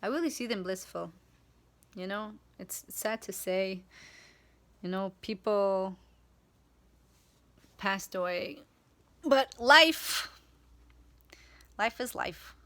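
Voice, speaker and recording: A woman whose first language is Hebrew, talking in a casual spiritual vlog and often pausing to search for words. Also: mid-range voice, sharp tone. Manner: slow, searching for words, many fillers and restarts. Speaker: vlogger.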